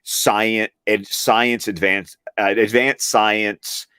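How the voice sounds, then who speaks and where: Low-voiced man explaining eagerly, dry sound. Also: fairly even intonation, very slow, pushed and bright, smooth, no echo. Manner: enthusiastic, explanatory, self-correcting. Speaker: guest. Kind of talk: casual book discussion.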